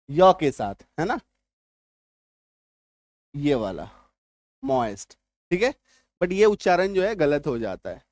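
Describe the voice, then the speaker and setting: A man teaching English spelling and pronunciation in Hindi, going slowly, repeating words and often checking whether his viewers understood. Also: high-pitched, no room sound. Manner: slow and repetitive, often checking that viewers follow. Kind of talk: spoken Hindi spelling lesson.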